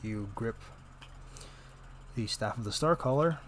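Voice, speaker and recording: A man running a tabletop game as game master, with a joking manner and quick asides. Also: mid-range voice, a little hiss or hum.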